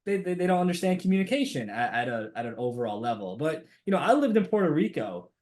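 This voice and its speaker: A man with a New Jersey accent, a podcast guest talking in a lively, casual way with many restarts. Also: on the high side, fast talker. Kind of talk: casual conversation.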